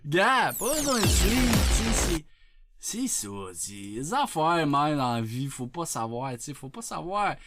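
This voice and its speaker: A man from Quebec with a Québécois French accent, chatting loudly and jokingly with viewers on a live stream, laughing often. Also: high voice, very animated, takes it slowly, soft background music. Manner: loud, jokey, laughs often. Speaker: Twitch streamer. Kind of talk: casual live-stream chat. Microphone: sensitive desk mic.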